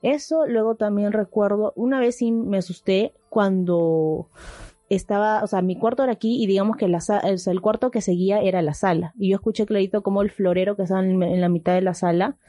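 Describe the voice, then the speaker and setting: Young woman, mid-pitched and mellow, casual storyteller who rambles and restarts, over a faint music bed. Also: fairly quick, dry recording. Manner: rambling and vivid, full of fillers and restarts.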